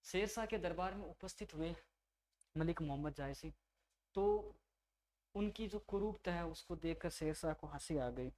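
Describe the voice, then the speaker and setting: Man teaching a relaxed exam lecture. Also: a little high, moderate pace. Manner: conversational, repeats key names, addresses students as "bhai".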